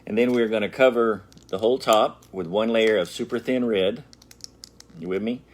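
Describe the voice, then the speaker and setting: A middle-aged man talks viewers through a small brick build in a low, easygoing voice. He chats and jokes directly to the camera and hums little tunes as he works. A faint hiss sits under the recording. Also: moderate pace. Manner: chatty and playful, talks straight to viewers, hums and jokes while working. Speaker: brick-building channel host. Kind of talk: casual building tutorial to camera.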